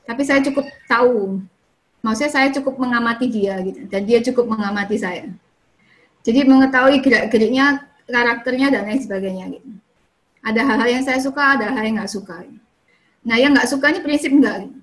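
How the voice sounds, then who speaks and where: At a church fellowship, a woman gives a chatty advice talk on dating and marriage, often posing questions to the listeners and answering them herself. She tends to end points with "kayak gitu" and "gitu ya." Her voice is on the high side and fairly quick.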